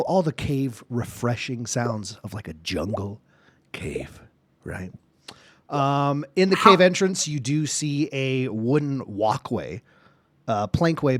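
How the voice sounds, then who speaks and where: A man serves as game master for a tabletop session, describing scenes in a halting way full of fillers. His voice sits in the middle range. The sound is dry and close. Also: mid-range voice, dry recording. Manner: halting, filler-heavy narration.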